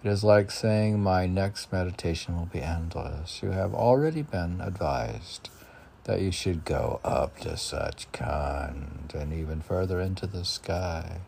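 Slightly slow and gravelly, this deep male voice carries a touch of mellowness over faint background noise. The poet recites his own verse, musing to himself in between and returning to phrases again and again.

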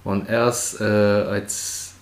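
A man's voice: fairly low pitch, little pitch movement, very slow. A young man from Germany in casual chat with an old school friend, speaking hesitantly with many fillers, recorded at home.

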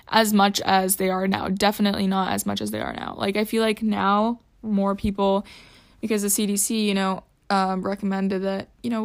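A woman's voice: mid-range voice, creaky. A young woman hosting a casual solo podcast, rambling with many fillers and self-corrections. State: hiccups. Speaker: podcast host.

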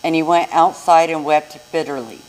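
Reading scripture as narrator at a church service, this American woman has a deep, somewhat dark voice and speaks at a normal rate. It was captured live, and the audio is rough.

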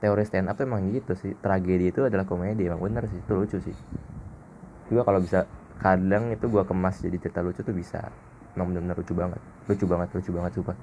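A man's voice: low-pitched, fairly even intonation, fast, dark tone, slight background noise. A man hosting a casual solo podcast, blunt, slangy and self-mocking. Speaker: podcast host.

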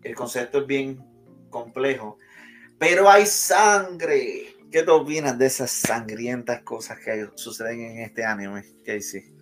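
A man's voice: medium pitch, fairly even intonation, moderate pace, faint music behind. Man leading an anime chat. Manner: leads with questions, conversational. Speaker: host. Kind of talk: casual anime discussion.

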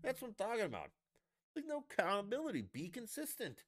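A man hosts a solo opinion podcast, ranting sarcastically with lots of swearing and mocking asides. His voice is fairly bright, he talks quickly with huge pitch swings, and he mimics others in high, mocking voices.

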